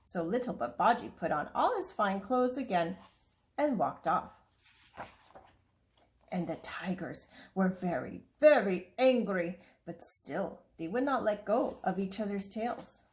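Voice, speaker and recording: A woman reading a children's storybook aloud with expressive, lively storytelling. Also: mid-range voice, a little slow.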